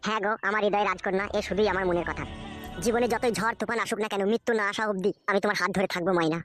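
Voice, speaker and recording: A woman's voice: medium pitch, rapid-fire, close to an everyday voice. A woman voicing a lovestruck young village man who sweet-talks his sweetheart and speaks politely to elders, in a comic audio drama. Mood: loving. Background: background music.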